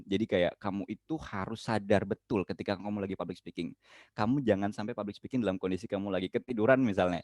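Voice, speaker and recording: A young man teaching public speaking in a casual workshop, lively and mixing in English phrases. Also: fairly low pitch, no echo. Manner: lively, mixes English phrases, acts out students' worries. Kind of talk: casual online workshop talk.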